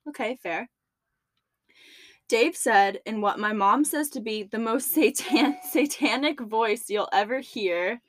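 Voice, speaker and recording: A woman's voice: a little high, slow pace, dry recording. Chatty young woman reading a story aloud. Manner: chatty, laughs between lines, lots of "like". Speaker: podcast co-host.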